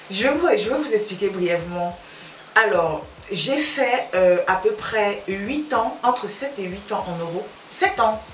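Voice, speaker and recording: A Cameroonian woman YouTuber chats casually to the camera in Cameroonian French with a Belgian touch, repeating phrases and letting sentences trail off. Her voice is fairly low and a bit bright. The room is echoey, the mic sits at a distance, and there's slight background noise.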